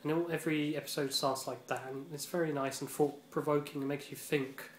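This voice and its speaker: Flat-voiced profane man in echoey room. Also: on the high side, brisk. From Britain. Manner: rambling and profane, heavy on fillers. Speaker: vlogger. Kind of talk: casual vlog monologue. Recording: echoey room with faint ambient noise.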